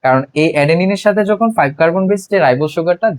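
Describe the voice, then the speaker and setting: A man's voice: fairly high pitch, expressive, rapid-fire, no room sound. A young man with a Bangladeshi Bengali accent giving a biology lecture, explaining step by step and asking and answering his own questions. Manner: constant filler words, frequent restarts. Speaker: biology tutor. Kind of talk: classroom lecture.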